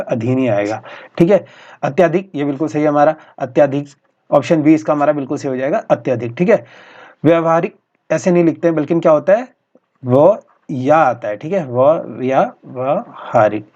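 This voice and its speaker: A male teacher going through practice exam questions in a steady, explanatory way, often repeating each answer. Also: a little high. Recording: dull lo-fi recording.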